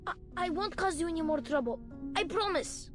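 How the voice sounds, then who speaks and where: A woman's voice: extremely high pitch, fairly quick. A woman voicing an eager, hopeful young child in game dialogue, with a bouncy, sing-song delivery. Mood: pleading. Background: game music.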